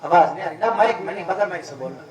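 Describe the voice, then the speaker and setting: A man leading a religious gathering, singing a devotional naat with long drawn-out words and breaking off to urge the crowd to sing along. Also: sits high, animated, far from the mic, lo-fi sound. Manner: stretches sung words slowly, then scolds the crowd in quick asides. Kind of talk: sung naat with spoken sermon asides. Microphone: stage microphone with added echo. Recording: echoey PA mic at a gathering, music behind.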